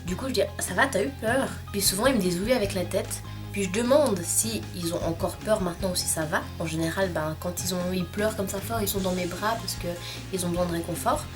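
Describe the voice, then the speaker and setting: Chatty young woman with soft music behind. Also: lowish voice, fast talker. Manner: chatty, many fillers like "euh" and "bah". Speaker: vlogger. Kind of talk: casual explanatory vlog.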